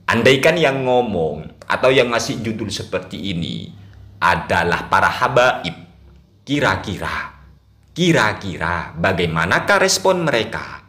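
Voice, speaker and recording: A man's voice: lowish voice, very animated, a little slow, fairly bright tone, roomy sound. A man giving casual video commentary in a mocking tone, laughing often and drawing out his exclamations.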